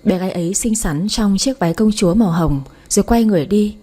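A woman narrating a romance story for an audiobook in a soft, emotive storytelling manner. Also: medium pitch, fast.

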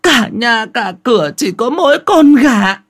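A man voicing a loud, self-pitying old village woman who screeches curses and wails. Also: extremely high pitch, expressive, measured pace, pitched above the performer's own voice, heavily acted. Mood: wailing lament. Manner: screeching, cursing and wailing.

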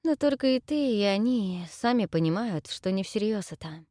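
A woman's voice: mid-range voice, animated, normal speed, dark tone, dry recording, clean studio sound, pitched above the performer's own voice, lightly acted. A woman doing a timid, tearful young widow. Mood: confessing. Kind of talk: audiobook character voice.

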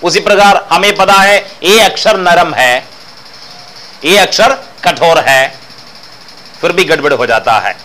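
Male philosophy teacher, high bright voice, explains by repeating phrases and posing questions. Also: takes it slowly, long pauses, slight background noise, low-quality recording. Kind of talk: explanatory discourse lecture.

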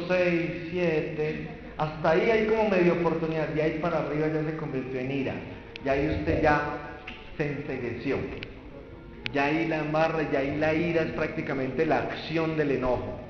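High-voiced man preaching in an echoey hall. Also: noisy background. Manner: animated, acts out quoted voices, addresses audience directly. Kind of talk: sermon. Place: large echoing hall or church at a conference. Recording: very echoey hall, dull sound.

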